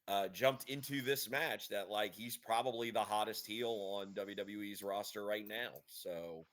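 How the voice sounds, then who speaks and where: A podcast co-host with a fairly low, slightly bright voice speaks a little slowly in casual chat. He shares his opinions in a rambling way, full of fillers and restarts.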